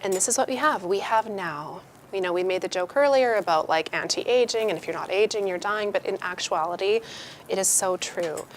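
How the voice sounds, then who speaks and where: A woman's voice: mid-range voice, brisk, slight background noise. A woman giving a casual motivational talk to a live group, candid and chatty, swearing freely and acting out the voices of people she quotes. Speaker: workshop speaker.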